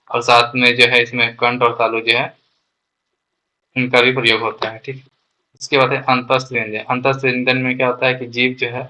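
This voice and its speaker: Bright, level-toned male Hindi teacher. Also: medium pitch, low-quality recording. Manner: explains step by step and often adds "ठीक है" to check understanding. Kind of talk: explanatory classroom lesson.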